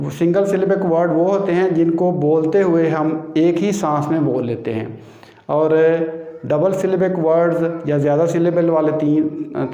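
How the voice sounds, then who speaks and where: A man with a fairly high but dark-toned voice teaches English pronunciation rules, patiently walking through them step by step and repeating every key term. The audio is dull and lo-fi, captured in an echoey room.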